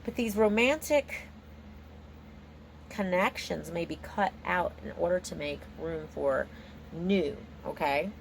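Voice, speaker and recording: A woman's voice: on the low side, takes it slowly, gravelly, a little hiss or hum. A woman giving a casual, improvised tarot reading in an informal, exclamatory, slangy way. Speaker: tarot reader.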